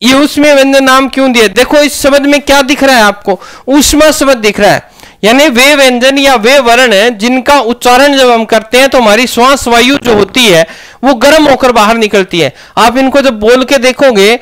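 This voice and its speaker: A man's voice: extremely high pitch, moderate pace, fairly bright tone, smooth. A man teaching a grammar lesson, asking questions and answering them himself.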